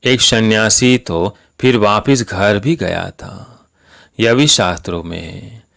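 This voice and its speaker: A man reading a spiritual discourse aloud in a calm, measured, instructive way. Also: lowish voice, creaky. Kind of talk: slow devotional sermon reading.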